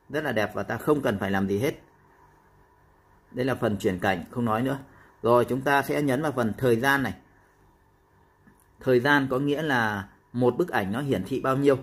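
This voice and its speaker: Speaking at a medium pitch with a slightly rough edge, a man guides viewers through a phone app in an informal tutorial. He moves step by step, with many pauses and fillers along the way.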